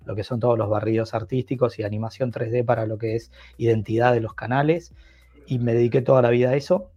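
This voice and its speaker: A muffled recording captures a middle-aged Brazilian podcast guest speaking Portuguese quickly in a mellow, medium-pitched voice with fairly even intonation. Throughout the casual interview he's keen and talkative, rambling and often beginning his sentences over.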